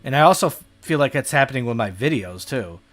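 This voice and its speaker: A fast-talking American streamer with a medium-pitched, fairly bright, animated voice chats as he plays, soft music in the background. He rambles and hesitates, often making fun of himself.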